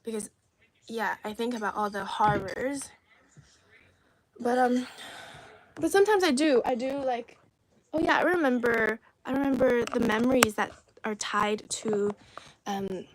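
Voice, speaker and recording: A Chinese woman whose first language is Cantonese hosts a casual phone livestream, reading viewer comments aloud and often slipping into soft, half-whispered asides. Her pitch is fairly high, and there is background noise.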